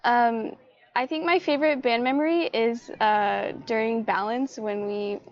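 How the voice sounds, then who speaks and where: A woman's voice: on the high side, fairly even intonation, measured pace, muffled recording. A teenage girl answering an interview question hesitantly, with frequent fillers. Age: late teens. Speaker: graduating band and color guard member.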